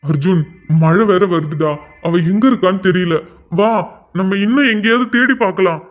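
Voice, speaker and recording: A man's voice: high-pitched, moderate pace, dull audio, lightly acted. A man voicing a loyal young male friend in a cartoon, firm and urging. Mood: urgent. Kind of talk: cartoon voice acting.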